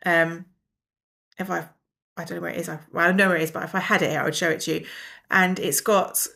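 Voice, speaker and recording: A middle-aged woman with a blocked, nasal voice, sounding unwell and tired as she talks casually and reflectively to viewers with soft, low energy. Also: flat delivery, fast, vocal fry. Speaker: personal development coach and video host.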